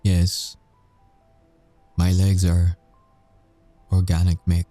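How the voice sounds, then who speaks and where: A man's low, warm voice stays monotone as he plays a tired werewolf ex-agent confessing in an intimate audio roleplay. He speaks haltingly, leaving deliberate pauses, with faint music behind him. The mood is grave and confessional.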